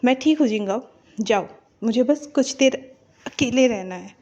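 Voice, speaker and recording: A woman's voice: fairly high pitch, unhurried, mellow. A woman voicing a heartbroken young man who begs through tears and stammers. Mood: tearful. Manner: begging, stammering. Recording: dull lo-fi recording.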